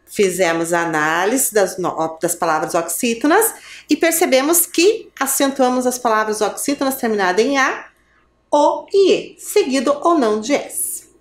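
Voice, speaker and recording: A woman teacher with a Brazilian Portuguese accent giving a televised lesson to children, animated and sing-song. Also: a little high, normal speed. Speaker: primary school teacher. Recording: roomy echo.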